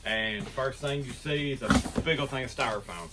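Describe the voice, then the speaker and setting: A man's voice: mid-range voice, normal speed, very noisy. A man hosting his woodworking channel, talking casually and rambling through an unboxing in his shop. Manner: rambling, self-deprecating, restarts often. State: out of breath.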